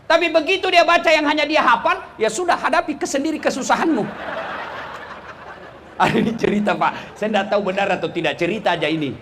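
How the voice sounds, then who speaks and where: A man delivering a humorous sermon with an Indonesian accent, telling stories and shouting punchlines to a live audience. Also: very high-pitched, brisk, slight background noise. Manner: animated storytelling, shouting punchlines. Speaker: preacher.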